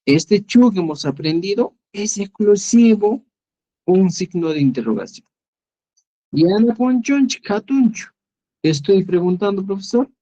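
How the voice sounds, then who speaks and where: A man's voice: high voice, very animated, measured pace, warm tone, muffled recording. A man with a Peruvian Spanish accent teaching a Quechua lesson over a screen recording, patient and repeating each word, often checking in with "¿ya?". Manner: patient, repeats words and asks "¿ya?".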